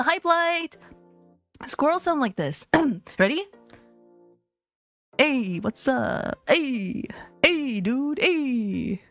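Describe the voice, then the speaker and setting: A woman's voice: high voice, fairly bright tone. A woman streamer chatting playfully with her viewers, rambling and joking. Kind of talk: casual live-stream chat.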